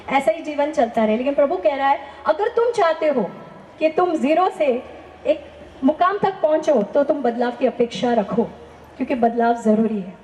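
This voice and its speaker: A woman's voice: high voice, darkish tone, echoey room, highs cut off, a little hiss or hum. A woman telling a personal faith testimony in an earnest, emphatic way, often asking rhetorical questions. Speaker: testimony speaker.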